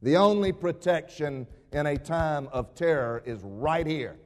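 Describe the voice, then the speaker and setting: A pastor preaching a dramatic sermon, full of rhetorical questions, rising to a raised voice and dropping to a hush. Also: male voice, fairly high pitch, unhurried. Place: church sanctuary. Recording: long reverb of a church sanctuary.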